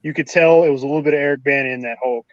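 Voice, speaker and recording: A medium-pitched man with a steady tone co-hosts a casual movie review podcast, jumping in quickly to correct facts and give his opinions. The audio has no echo, and the highs are cut off.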